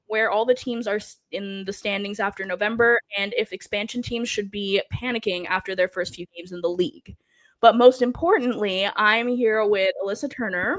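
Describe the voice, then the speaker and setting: A woman hosting a hockey podcast in a chatty, upbeat way, her voice worn from losing it. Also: mid-range voice. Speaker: podcast host. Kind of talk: casual podcast chat.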